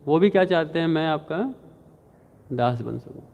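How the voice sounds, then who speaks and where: A man's voice: normal speed, creaky. A man giving a devotional scripture class, telling stories and acting out the quotes with animation. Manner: animated, acts out quotes with rising pitch. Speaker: devotional lecturer. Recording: tinny phone-like sound.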